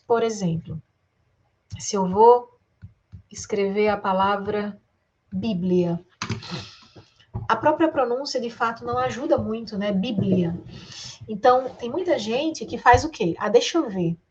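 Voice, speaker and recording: A woman's voice: mid-range voice, unhurried, long pauses, muffled recording, a little hiss or hum. A woman with a Brazilian accent teaching an exam-prep grammar lesson, stretching words out syllable by syllable and talking straight to her students with rhetorical questions. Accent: Brazilian Portuguese. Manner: addresses students directly, asks rhetorical questions.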